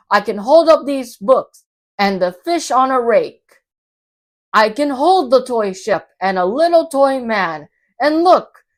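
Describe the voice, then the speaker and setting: A playful, boastful storybook cat voiced by a woman shows off in rhyme. The delivery is slow and cheerful, with big, lively swings of pitch. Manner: showy, cheerful, declaiming in rhyme. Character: mischievous, boastful, playful male cat in a hat.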